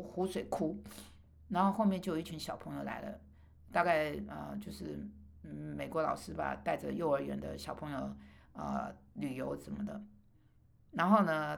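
A middle-aged woman gives a personal sermon in a lowish voice with a gravelly edge. She presses her rhetorical questions upward with emphasis, then slows into halting fillers as she tells her story. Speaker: preacher.

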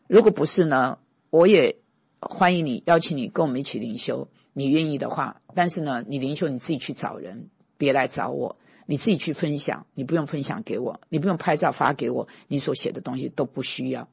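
A middle-aged man preaches in a chatty, story-driven way, his voice gravelly with a husky edge. He leans hard on key points in forceful bursts. The sound is close and dry, with no room echo. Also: medium pitch, brisk. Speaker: pastor and teacher. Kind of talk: conversational sermon with personal stories.

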